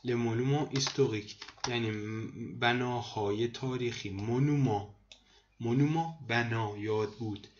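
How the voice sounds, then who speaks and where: A man teaching vocabulary to students in a screen lesson, repeating each word slowly and explaining it. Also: mid-range voice, steady tone, lo-fi sound, noisy background. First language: Persian. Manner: repeats words slowly, addresses students as kids. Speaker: language teacher.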